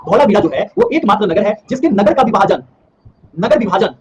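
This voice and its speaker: A man's voice: high-pitched, big pitch swings, brisk, slightly rough, rough recording. A man teaching a history class online. He asks questions and answers them himself, repeating key terms for revision. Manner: quizzes by asking and answering his own questions.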